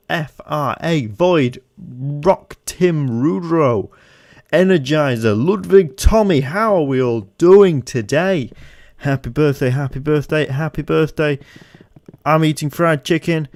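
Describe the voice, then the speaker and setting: A twenty-year-old man hosting a casual gaming livestream through headset audio, upbeat and jokey as he reads out chat. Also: on the high side. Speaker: streamer.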